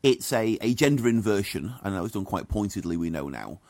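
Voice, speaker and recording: A man reviewing a film in casual chat, recounting the plot in a lively, opinionated way. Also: on the low side, brisk, dry recording.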